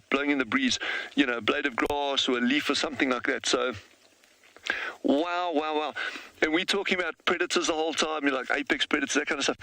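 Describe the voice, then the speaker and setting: A man guiding a live safari outdoors, commenting with excitement and often restarting his phrases. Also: on the high side, poor audio. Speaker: safari guide. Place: outdoors in the bush on a game drive.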